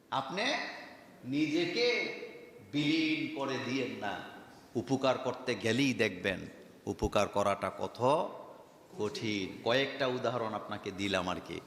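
A man's voice: mid-range voice, fairly bright tone, slight background noise. A man preaching a sermon, emphatic and firing rhetorical questions at the audience. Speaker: Islamic preacher. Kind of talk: Bengali waj sermon. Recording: echoey hall reverb.

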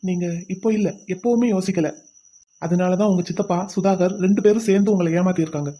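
A woman's voice: fairly low pitch, fairly even intonation, fast talker, warm tone, close to an everyday voice. A woman voicing a stern young husband in a cartoon who lectures and scolds. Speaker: cartoon voice actor. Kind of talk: cartoon voice acting.

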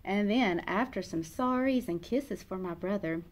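There's slight background noise as a woman in her thirties reads a children's picture book in a small indoor classroom or reading room. A read-aloud host with a medium-pitched voice, she goes a little slowly and expressively conveys what the young narrator feels.

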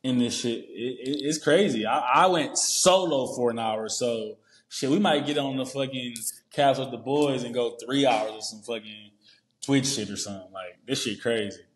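A man with a Boston accent hosting a solo podcast, talking in a profane, excitable and emphatic way. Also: medium pitch, normal speed. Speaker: podcast host. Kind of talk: casual solo podcast monologue. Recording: roomy echo.

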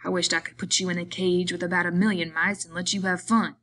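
A woman voicing a gruff, quick-tempered grown man, a ranch hand with rough rural drawling speech. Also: on the low side, little pitch movement, fairly bright tone, natural voice. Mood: furious.

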